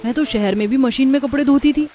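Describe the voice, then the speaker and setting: A woman's voice: high-pitched, fast talker, mellow, soft background music, lightly acted. Frank young city bride, voiced by a woman. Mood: uneasy. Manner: frank, persuasive. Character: outspoken young city daughter-in-law. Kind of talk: cartoon dubbing.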